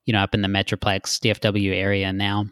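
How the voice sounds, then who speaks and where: A man's voice: fairly low pitch, monotone, fast talker, fairly bright tone, clean tone, no room sound, clean studio sound. A man from Texas, a guest in a casual interview, explaining earnestly with frequent fillers.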